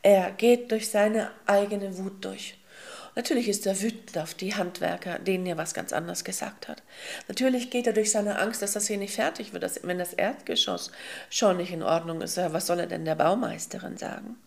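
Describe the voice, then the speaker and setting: A woman as a spiritual teacher, telling a slow, emphatic parable and addressing her listeners as souls and beloved ones, with soft humming fillers. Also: mid-range voice, vocal fry.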